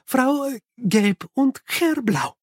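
A man's voice: extremely high pitch, very animated, takes it slowly, slightly rough, dry recording, studio quality, voice pushed up, exaggerated voice. A man voicing a stiff, formal noblewoman who speaks primly.

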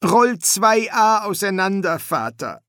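A man's voice: sits high, very animated, slow, fairly bright tone, no echo, studio quality, pitched above the performer's own voice, full character voice. A man voicing an earnest young architect's son. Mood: patient. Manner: matter-of-fact, explaining.

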